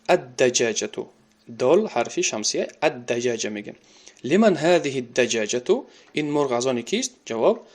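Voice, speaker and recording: A man with a Tajik accent teaching an Arabic grammar lesson. He reads each Arabic sentence, repeats it and then translates it. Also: mid-range voice.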